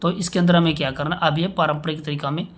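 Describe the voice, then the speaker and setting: A man's voice: fairly high pitch, level tone, fast. A man teaching a basic maths lesson, explaining each step and often checking that the class understands. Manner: explains step by step, often asks "samajh mein aaya?"; checks in with "theek hai" and recites times tables aloud.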